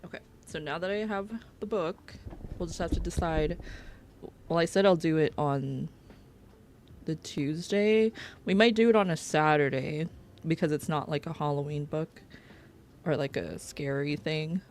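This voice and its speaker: A woman's voice: deep voice, unhurried, darkish tone, a little hiss or hum. A young woman chatting casually on a livestream while she works, rambling with lots of fillers. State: out of breath. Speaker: streamer. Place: home workspace.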